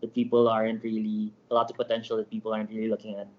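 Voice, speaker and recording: A man's voice: fairly low pitch, monotone, rapid-fire. A man answering interview questions over an internet call. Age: 30s. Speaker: guest, education project founder. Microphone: Skype call. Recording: slightly dull internet call audio.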